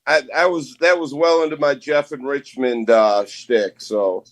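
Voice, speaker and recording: A man's voice: mid-range voice, steady tone, measured pace, no echo. A man talking from home on an online call, hesitant and stammering through his sentences. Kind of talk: casual chat on a call.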